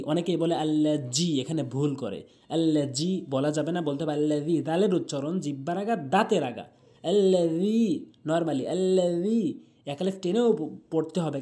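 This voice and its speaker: First spelling out each letter and vowel, a man then chants the Quranic verse slowly, holding long notes, as he teaches its pronunciation. He has a slightly high, mellow voice.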